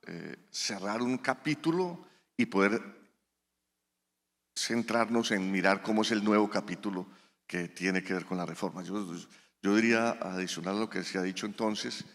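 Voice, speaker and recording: Man, low voice, halting panel answer, repeats himself rhetorically. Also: a bit bright. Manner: halting, many restarts, rhetorical repetition. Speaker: panelist, health insurer executive. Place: conference hall.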